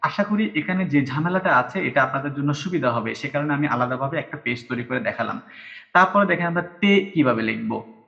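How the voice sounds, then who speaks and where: A man's voice: mid-range voice, lively intonation, a little fast, vocal fry, sharp tone. A man teaching a writing lesson at a patient pace, counting strokes aloud and spelling each syllable out. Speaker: Japanese teacher. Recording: dull lo-fi recording.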